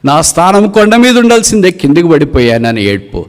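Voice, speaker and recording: A man voicing a proud fallen eagle, the king of birds, lamenting in cries that climb high as part of a sermon story. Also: sing-song, a little fast, big-room sound. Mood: grieving lament. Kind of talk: dramatic story within a sermon.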